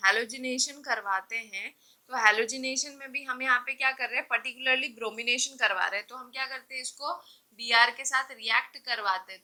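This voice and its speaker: A woman's voice: high voice, bright, forceful tone, poor audio. A woman teaching chemistry in a classroom-style lecture, asking rhetorical questions and answering them herself, with light teasing of her students.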